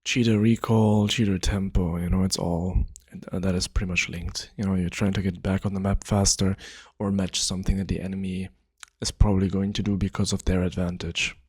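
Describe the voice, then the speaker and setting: A man with a lowish voice talks through a game strategy idea in a loose, easygoing way, drifting into asides and leaning on lots of fillers. The sound is dry and close, with no room around him. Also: level tone, a little fast, darkish tone, slightly rough, no room sound. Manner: laid-back, rambling, many fillers. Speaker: gaming video creator. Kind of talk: casual explainer monologue.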